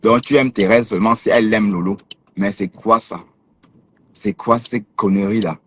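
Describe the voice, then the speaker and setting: A man's voice: on the low side, moderate pace, fairly bright tone, a little hiss or hum. A man hosting a casual livestream, addressing a rival directly in a mocking, confrontational way. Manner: mocking, confrontational, teasing laughs. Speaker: livestream host.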